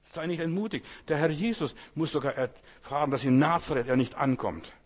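A man's voice: fairly high pitch, a little fast. A man preaching a sermon in a conversational way, often asking his listeners whether they follow and repeating his exhortations. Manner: conversational, keeps asking the audience "weißt du"; repetitive exhortation, rising loud on key phrases.

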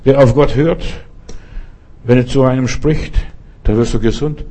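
A man's voice: mid-range voice, steady tone, measured pace, dark tone. A man preaching a sermon in an earnest, direct way, speaking straight to each listener.

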